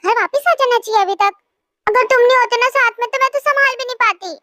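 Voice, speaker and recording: A woman's voice: very high-pitched, sharp tone, no echo. A woman voicing a young aunt who scolds and coaxes her nephew in a fan drama dub. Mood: fussing. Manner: scolding, coaxing, quick.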